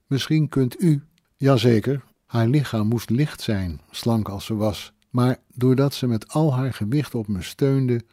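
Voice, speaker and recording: Slow, dark-voiced male audiobook narrator. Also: medium pitch, dry recording. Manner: measured, even storytelling. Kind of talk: scripted first-person narration. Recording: dry close studio sound.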